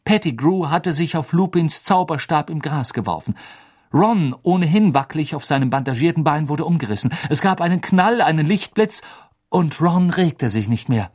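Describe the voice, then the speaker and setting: A man narrating an audiobook in a dramatic, expressive storytelling manner. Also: fairly high pitch, moderate pace, husky.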